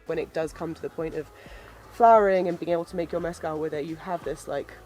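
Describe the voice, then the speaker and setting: A man in his thirties talks as a guide in a fairly high voice. The delivery is informal and explanatory, like a chat. Light music sits behind the voice. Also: fairly even intonation, fast talker, a little mellow. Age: 30s. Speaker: tour guide explaining agave.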